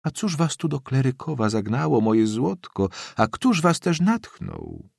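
Man playing hearty old landlady in an audiobook; raised pitch, husky grain, loud and exclaiming. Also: huge pitch swings, unhurried, no echo, clean studio sound, exaggerated voice. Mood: joyful.

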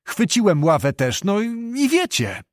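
A man reading an audiobook, voicing a calm, stubborn young knight who answers steadily. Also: sits high, moderate pace, no echo, clean studio sound, voice pushed up. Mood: calm defiant.

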